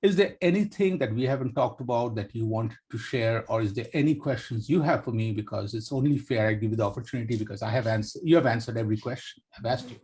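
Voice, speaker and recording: A man's voice: medium pitch, quick pace, hardly any pauses, darkish tone, slightly rough. A man hosting a podcast interview, asking questions in an encouraging way. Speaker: podcast host.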